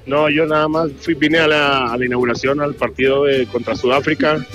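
A man from Chihuahua, interviewed as a fan outdoors, relaxed with hesitant fillers. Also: on the high side, fairly quick, highs cut off, soft background music. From Chihuahua, Mexico. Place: outdoor fan festival plaza.

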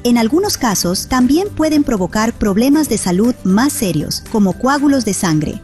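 Woman doing a radio ad, mellow voice, lively up and down, a bit high. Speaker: ad announcer. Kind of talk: scripted radio commercial.

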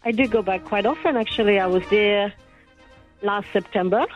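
A woman's voice: mid-range voice, normal speed, muffled recording, faint music behind. A woman from Senegal calling in to a radio show, chatting in a friendly, easygoing way and laughing easily. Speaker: caller. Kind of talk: casual radio call-in chat. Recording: phoned-in call over the radio.

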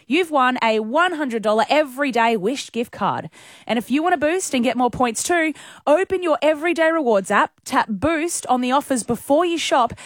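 A woman's voice: high voice, no room sound, studio quality. A woman with an Australian accent presenting on the radio in a promotional chat style. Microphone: close studio microphone.

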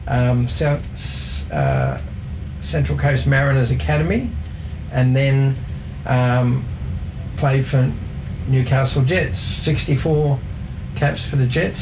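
Slow, gravelly man. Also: medium pitch, noisy background. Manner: slow, hesitant, many fillers, reading off facts. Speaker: football pundit. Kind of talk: casual radio chat.

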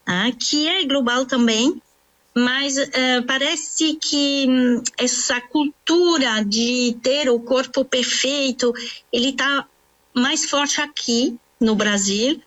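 Lady explaining stuff in an interview, lots of ums, kinda high voice. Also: takes it slowly, a bit bright, muffled recording. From France. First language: French. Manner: earnest, explanatory, with many fillers and restarts. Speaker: nutritionist, author. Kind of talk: interview answer.

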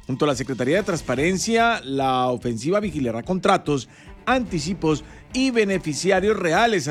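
Guy hosting morning radio, high voice, keeps calling out the time, bit of music under him. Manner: upbeat, repeats time checks and station slogans. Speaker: radio morning show host. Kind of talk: early-morning radio hosting and news reading.

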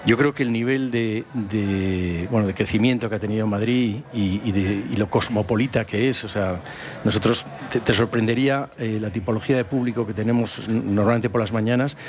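Hesitant, low-voiced businessman. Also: a little fast, darkish tone. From San Sebastián, Spain. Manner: hesitant, many restarts. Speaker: company founder. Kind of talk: interview answers.

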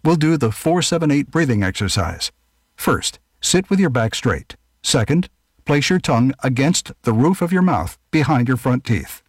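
A man calmly guiding a breathing exercise in a radio public service spot. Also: mid-range voice, no echo, clean studio sound. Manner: calm, measured, instructive. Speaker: ad announcer. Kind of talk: guided breathing instruction.

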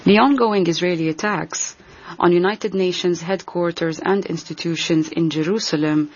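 A woman giving a translation voice-over as an interpreter, rendering a formal speech in a measured, deliberate way. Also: on the low side, husky, dull audio. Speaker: simultaneous interpreter.

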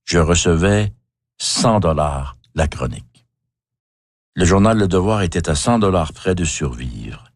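A very low-voiced Québécois man reads his own life story with measured, wry theatricality. The recording is dry and close, with no room sound. He sounds like an author in his fifties telling his past. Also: lively intonation, no room sound. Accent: Québécois French. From Quebec. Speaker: author narrating his memoir. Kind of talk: reflective autobiographical reading.

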